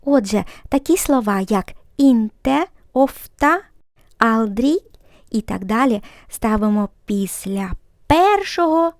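A woman teaching a language lesson, patiently explaining grammar and repeating example sentences slowly and clearly. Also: a little high, lively intonation, a little mellow, no echo, clean studio sound.

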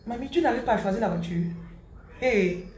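Animated woman telling her story, roomy sound. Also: a little high, brisk. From Central Africa. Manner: animated, repeats words for emphasis, mixes in English. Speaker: motivational vlogger. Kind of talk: personal storytelling monologue. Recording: roomy with faint background noise.

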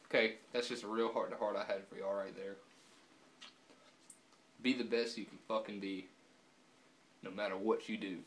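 A young man talking casually to camera with dip in his lower lip, laid-back and swearing often, filmed at home with the camera on a subwoofer. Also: level tone, normal speed, long pauses, slight background noise. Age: young adult. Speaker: vlogger. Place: indoors, room at home.

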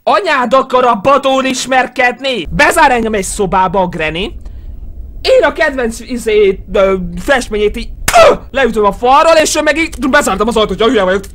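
Guy yelling and screaming thru a horror game, high voice swinging all over, faint game music behind. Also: lively intonation. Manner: loud screams and panicked shouts. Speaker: gaming YouTuber. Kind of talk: let's play commentary.

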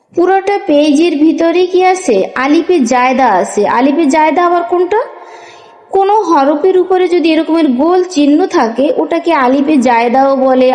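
A woman's voice: high voice, a little mellow. A woman teaching a Quran reading lesson, patiently spelling out letters and asking questions as she goes. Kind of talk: step-by-step recitation lesson. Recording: echoey room with long reverb.

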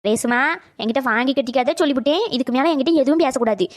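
A woman voicing a bossy, sharp-tongued old grandmother who scolds fast and dotes on her grandson. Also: sits high, close to an everyday voice. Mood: scolding. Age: older. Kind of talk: cartoon voice acting.

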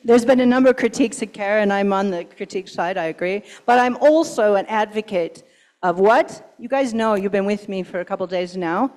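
A woman speaking at a conference, punching key words and tossing rhetorical questions at the audience. Her voice sits at a middle pitch. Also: brisk, darkish tone. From Pacific Northwest, US. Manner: emphatic, rhetorical questions, urgent. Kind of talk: conference talk and Q&A.

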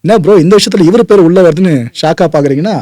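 Guy doing quick political commentary, dark mellow voice, dry close sound. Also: high-pitched, dry recording. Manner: brisk, conversational, mixes in English words. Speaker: host.

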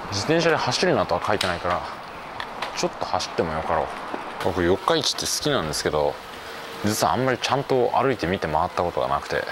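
A man's voice: deep voice, sing-song, fast, background noise. A man vlogging a bicycle trip, chatting and musing aloud in a polite, casual way, outdoors and later in a hotel room. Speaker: travel vlogger cycling the old highway. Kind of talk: casual on-camera travel narration.

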